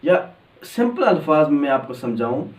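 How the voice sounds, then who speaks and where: A man explaining English grammar step by step, drawing out example words slowly. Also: fairly high pitch, big pitch swings. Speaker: English teacher. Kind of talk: grammar lesson. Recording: echoey room, distant mic.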